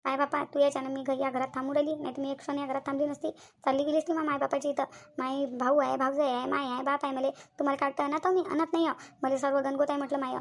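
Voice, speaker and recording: Cartoon mother, middle-aged and aggrieved, voiced by a woman, rattling off quick gravelly laments. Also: sits high, flat delivery. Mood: self-pitying. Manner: whiny, rapid lamenting. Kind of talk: cartoon voice acting.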